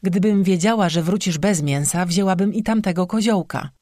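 The audiobook narrator voicing a hungry young peasant wife who frets and chatters eagerly, at the narrator's own middle pitch in a dry, close recording. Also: darkish tone, dry recording, close to an everyday voice. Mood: chatty. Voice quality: chattering, quick to fret.

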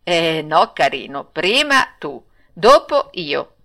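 A woman's voice: low voice, big pitch swings, takes it slowly, a bit bright, exaggerated voice. A woman reader voicing Lucignolo, a naughty boy, in a storybook audiobook, with a raised boyish voice. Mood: teasing.

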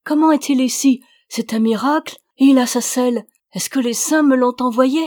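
A woman reading the lines of a tender, devout young runaway woman in a storybook, in a soft voice that lifts when she is moved. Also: medium pitch, normal speed, dry recording, studio quality, close to an everyday voice. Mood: eager.

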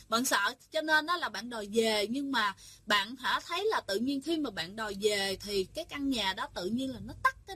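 A woman's voice: a little high, pushed and bright, breathy edge. A woman, telling a ghost story in a chatty, casual way and speaking directly to her listeners.

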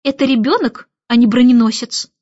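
A strict, prim nanny snaps crisp, stern orders in a storybook, as a woman narrator puts her on. Her voice is high and clipped. The recording is dry and a little dull. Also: moderate pace, dark tone, no echo, close to an everyday voice.

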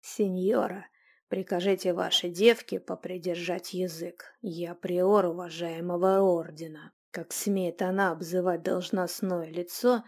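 A woman's voice: lowish voice, fairly even intonation, unhurried, darkish tone. A woman doing a sly, pompous male prior. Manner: hissing, pompous.

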